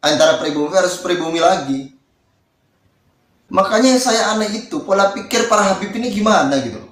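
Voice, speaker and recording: A man's voice: sits high, expressive, fairly quick, a bit bright, roomy sound. A man from Indonesia, an Islamic cleric, giving a heated rebuttal speech in a mocking, scolding way and repeating phrases for emphasis.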